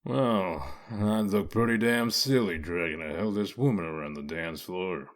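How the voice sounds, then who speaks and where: Man acting deep, gruff, sardonic Bigby Wolf. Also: a little slow. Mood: dry. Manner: sardonic, deadpan, authoritative. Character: gruff, sardonic werewolf lawman, commanding and dry. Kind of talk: dramatic comic-dub voice acting.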